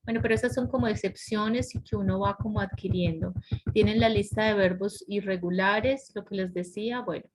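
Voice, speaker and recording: A woman teaching English grammar over a video call. She explains step by step and often restarts her sentences as she goes. Her voice sits at a middle pitch. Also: fairly even intonation, a little fast, a little hiss or hum, poor audio. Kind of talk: online class lecture.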